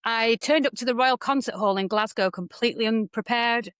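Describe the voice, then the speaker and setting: Her voice sits on the high side, smooth and a little quick: she's a British guest entertainer in her forties who also mentors talent. Candid and animated in the interview, she brings quoted voices to life, on a dry, clean studio recording.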